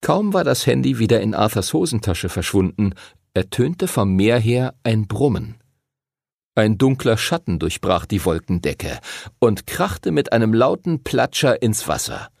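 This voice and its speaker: A man's voice: lowish voice, a little slow, vocal fry, no room sound. A man narrating an audiobook expressively, close to the mic. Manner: expressive, voices characters. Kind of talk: scripted narration.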